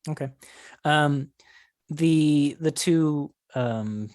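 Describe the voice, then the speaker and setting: A man working as game master, narrating a tabletop role-playing game in a casual, halting way. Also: on the high side, darkish tone, no echo, studio quality.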